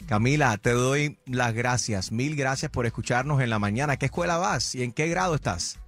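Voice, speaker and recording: A man's voice: medium pitch, normal speed, a bit bright, faint music behind. A man hosting a morning radio call-in show, playful and laughing as he switches between Spanish and English.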